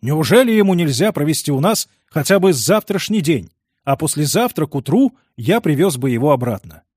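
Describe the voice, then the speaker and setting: A man reading the part of a stout, kindly older gentleman who talks warmly and eagerly. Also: a little high, big pitch swings, a little fast, breathy edge, no echo. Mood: persuasive. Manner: warm, eager, laughing.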